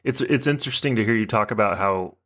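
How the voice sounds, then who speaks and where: A man with a low voice hosts a casual interview. He is relaxed and lets his questions wind on at length. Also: fast talker. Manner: relaxed, asks long winding questions. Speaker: podcast host.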